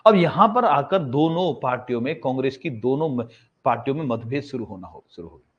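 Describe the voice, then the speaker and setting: A male teacher giving an exam-prep history lesson in a casual way. He asks a question, answers it himself and repeats the key facts. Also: medium pitch. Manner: casual, addresses students as bhai. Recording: slightly dull lo-fi sound.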